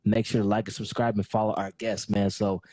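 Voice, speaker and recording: Casual interview chat from a podcast host whose fairly low voice barely moves in pitch. He talks fairly quickly with a slightly mellow sound in a dry recording, tossing "man" and "bro" onto the ends of his laid-back, slangy lines.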